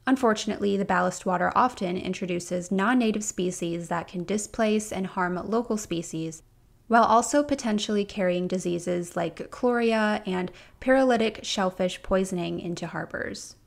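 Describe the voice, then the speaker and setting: A woman's voice: mid-range voice, moderate pace, gravelly. A woman hosting a podcast, reading a prepared script with a few casual asides of her own. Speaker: podcast host.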